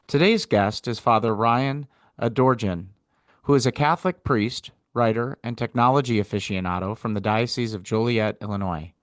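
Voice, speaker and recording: Speaking at a normal speed in a mid-range voice, this American man hosts a podcast. The conversation is a relaxed, informal interview, and his manner is enthusiastic.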